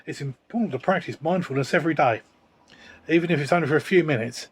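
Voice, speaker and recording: A man's voice: on the high side, fast, breathy edge. A man, reading product descriptions aloud and adding dry remarks in a casual unboxing chat. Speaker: co-host reading product cards.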